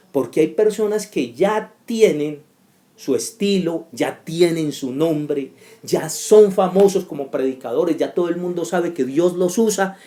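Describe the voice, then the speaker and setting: Emphatic preaching man, mellow voice. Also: a little high. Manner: emphatic, repetitive cadence with rising outbursts. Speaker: preacher teaching a preaching school. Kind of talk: sermon-style teaching.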